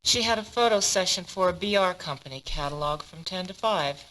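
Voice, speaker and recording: Brief: actress as a composed female agency boss in a mystery game, low and bright, with faint hiss under her lines. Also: fairly quick, lightly acted, rough recording. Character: poised, businesslike female modeling agency boss. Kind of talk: dubbed video game dialogue.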